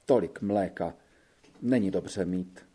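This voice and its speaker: A man's voice: low-pitched, mellow, husky. A male narrator voicing a young Italian woman working as a wet nurse, tired and complaining on a hot train ride. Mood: plaintive. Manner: plaintive, sighing complaints.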